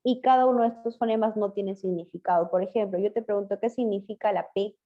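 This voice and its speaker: A woman teacher giving an online language class, patiently quizzing her pupils and spelling words out slowly. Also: medium pitch, fairly even intonation. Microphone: video call. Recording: muffled lo-fi video call audio.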